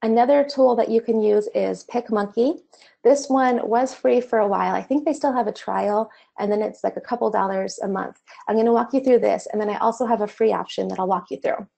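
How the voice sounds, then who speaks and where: An online course instructor walks through a screen-share tutorial in a relaxed, conversational way, pausing now and then with an "um." Her mid-range voice is a little fast and gravelly, sounding slightly worn as though she's starting to lose it.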